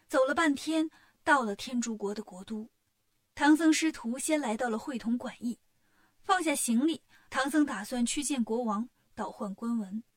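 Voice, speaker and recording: A woman telling a children's story in a clear, expressive narrating voice. Her pitch sits fairly high. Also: moderate pace, no room sound, studio quality.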